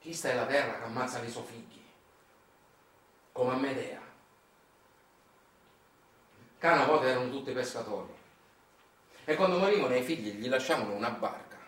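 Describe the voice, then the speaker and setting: An actor with a Sicilian accent plays an anguished, bitter father from the Sicilian countryside in a grave, sorrowful stage monologue, chanted and declaimed with emphatic, incantatory, repetitive phrasing. His medium-pitched, fairly bright voice is lightly acted, a little fast with frequent pauses, captured in a roomy, distant stage recording with music.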